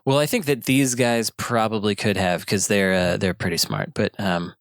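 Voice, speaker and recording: A man co-hosting a podcast in casual chat, running through items in a brisk, matter-of-fact way. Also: on the low side, steady tone, no room sound, studio quality. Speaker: podcast co-host.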